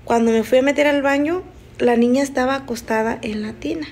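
Woman streamer retelling a scare, slightly high voice, halting and emotional, restarts mid-sentence. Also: fairly even intonation, darkish tone, slight background noise. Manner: halting, emotional, with frequent restarts and nervous laughs. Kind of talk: casual spoken storytelling.

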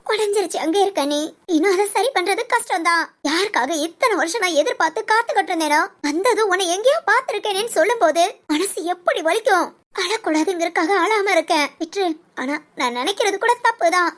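A woman brings to life a hurt, unmarried older woman in a storybook drama, her voice pitched very high. She talks sharply and defensively, pushing away anyone who comes close. Underneath the sharpness there is a proud, wounded pride. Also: fairly bright tone. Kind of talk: audio story role-play.

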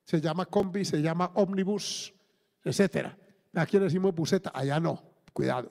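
A man's voice: high voice, gravelly, darkish tone, in a large hall. A man with a Colombian accent, a pastor preaching a sermon and stopping often for praise and questions to the congregation. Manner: preaching with call-and-response interjections.

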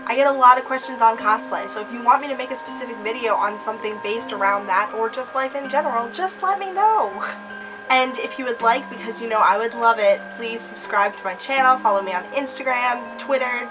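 A young woman in her twenties, a vlogger hosting her own channel, chats casually to viewers from a small, cluttered room at home. Her high voice sounds slightly off from a cold and comes at a fairly quick pace, picked up by a somewhat distant mic with music playing behind her.

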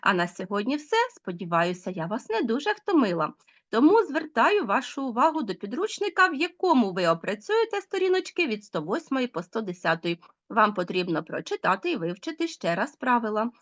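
In a recorded online language class for children, a female teacher patiently explains and quizzes her young students. Her voice is fairly high and sing-song, and she talks fairly quickly.

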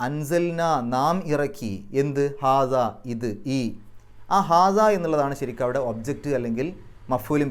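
A man with a Kerala Malayalam accent giving a patient, step-by-step Quran grammar and recitation lesson. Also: mid-range voice. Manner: patient, explains step by step, chants verses slowly. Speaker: Quran teacher.

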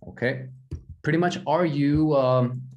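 A man with an American accent teaching an online English class on a video call, gently correcting students and repeating phrases. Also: fairly high pitch, unhurried, highs cut off.

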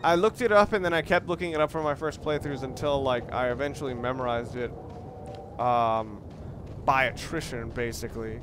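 A man with a medium-pitched voice and moderate pace gives casual, rambling Let's Play commentary on a video game, repeating and rephrasing himself often. The recording is noisy, with game sounds and video game ambience behind him.

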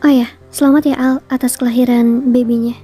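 A young performer putting on a higher voice to play a friendly young woman visiting friends in a fan drama, greeting them shyly and politely. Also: level tone, fairly quick, warm tone, slightly rough, natural voice. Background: background music.

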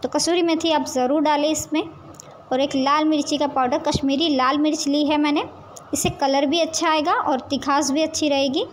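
Hosting a home cooking channel from her kitchen, a woman with a high, light voice narrates a recipe step by step. She's calm and explanatory, speaking straight to viewers and often saying "see this" as she points things out. A faint hiss of background noise runs underneath.

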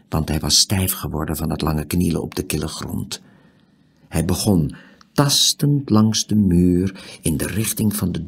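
A man narrates an audiobook in a measured, expressive storytelling manner. His low voice is deeply husky and gravelly. He takes his time over every line. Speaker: audiobook reader. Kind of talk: scripted narration.

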